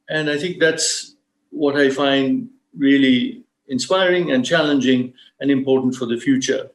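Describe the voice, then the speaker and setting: Casting: man born in Uganda, conservation speaker, measured formal delivery with ums, echoey room. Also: medium pitch. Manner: measured, formal, with frequent fillers. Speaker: safari lodge founder giving a talk. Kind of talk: live-streamed presentation.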